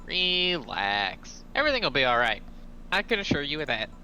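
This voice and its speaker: A man's voice: on the high side, very animated, moderate pace, bright, forceful tone, muffled recording, heavily acted. A man voicing a reassuring, easygoing woman bar boss in a game, encouraging, over background noise. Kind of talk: hobby video game voice-over.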